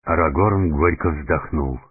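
A man narrating an audiobook fairy tale in a measured storytelling manner. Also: extremely low pitch, husky, dry recording. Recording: tinny narrow-band recording, faint music.

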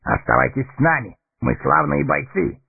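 A man voicing a proud, blunt male horse-lord captain in a gruff, gravelly, husky audiobook character voice. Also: mid-range voice, normal speed, voice pushed up. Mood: earnest. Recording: tinny narrow-band recording, faint music.

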